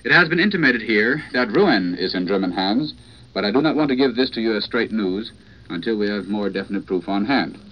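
A foreign correspondent, out of breath, giving a formal live news report over an old 1940s radio broadcast. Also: male voice, on the low side, lively intonation, fairly bright tone. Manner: formal, measured delivery with restarts. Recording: dull lo-fi vintage radio with faint hiss.

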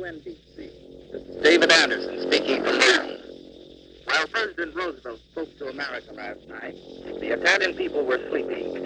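A foreign correspondent, a man, delivers the news in a formal, measured way over an old shortwave radio relay that sounds like a vintage newsreel. His somewhat high voice has a gravelly edge and swings widely up and down. A faint hiss runs underneath. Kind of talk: live news report.

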